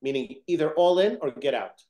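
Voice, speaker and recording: A man's voice: on the high side, animated, fairly quick, warm tone. Earnest man from Egypt and Sudan. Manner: earnest, determined, storytelling. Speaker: interview guest, company founder. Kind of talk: conversational interview.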